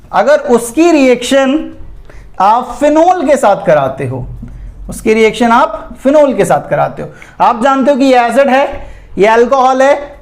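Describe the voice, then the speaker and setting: A man's voice: very high-pitched, darkish tone. A man from India teaching an exam-prep chemistry lecture in a chatty way, calling his students "beta" and "bhai" and checking in with "theek hai" again and again. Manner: keeps repeating "theek hai" and "ye dhyan rakhen".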